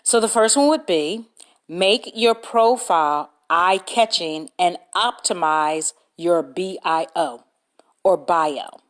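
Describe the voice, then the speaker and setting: A woman hosting a solo podcast, reading out business tips and spelling out words as she goes. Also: lowish voice. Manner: slow, deliberate, reads points aloud and spells words out. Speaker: podcast host.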